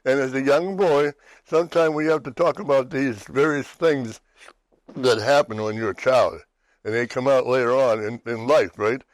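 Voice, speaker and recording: A man's voice: mid-range voice, normal speed, low-quality recording. Rambling male talk show host. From western Pennsylvania, USA. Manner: rambling, restarts, keeps asking "right?". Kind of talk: personal testimony chat.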